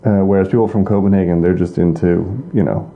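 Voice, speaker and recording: A man's voice: low voice, steady tone, fast, vocal fry. A man hosting a casual interview, asking teasing, joking questions. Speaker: host, interviewer. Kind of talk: casual chat. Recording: dull lo-fi sound with faint noise.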